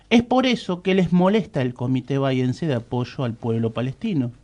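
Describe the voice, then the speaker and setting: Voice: mid-range voice, darkish tone. A speaker with an Argentine accent, emphatically reading out a political statement as a committee spokesperson.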